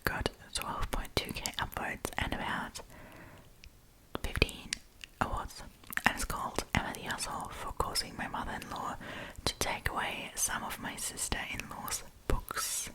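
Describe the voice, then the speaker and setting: Unhurried and breathy, a woman whispers without voicing as she reads stories for an ASMR audience, adding informal, opinion-filled commentary. The recording quality is rough.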